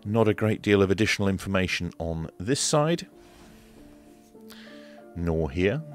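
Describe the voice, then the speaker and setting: A middle-aged man with a low, expressive voice narrates a radio equipment review as host, speaking unhurriedly into a close desk microphone in a small home studio. Soft music plays in the background.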